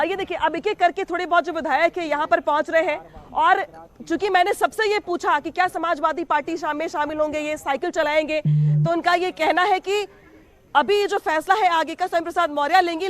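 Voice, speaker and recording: A woman field reporter on live news, pressing interviewees with rapid questions. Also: extremely high pitch.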